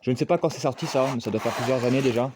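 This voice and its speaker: A man's voice: mid-range voice, racing, background noise. A man chatting casually while unboxing collectibles, rambling with lots of fillers and self-mocking asides. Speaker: unboxing vlogger.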